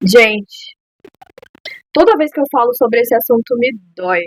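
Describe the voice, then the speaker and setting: A woman's voice: fairly high pitch, animated, a little slow, low-quality recording. A woman hosting a parenting talk, speaking in an earnest, heartfelt way and repeating phrases for emphasis. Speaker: podcast host speaking to parents. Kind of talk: earnest advice monologue.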